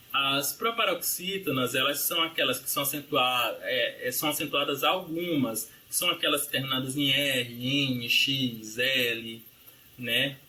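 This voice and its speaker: A man with a bright, mid-range voice teaches grammar in a recorded review lesson. He explains rules, lists word examples, and keeps adding tag questions like "né?" and "ok?".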